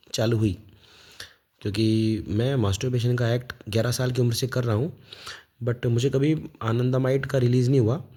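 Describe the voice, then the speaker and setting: A man in his thirties from India, talking in a rambling, halting casual monologue full of fillers and restarts. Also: mid-range voice, dark tone. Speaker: vlogger.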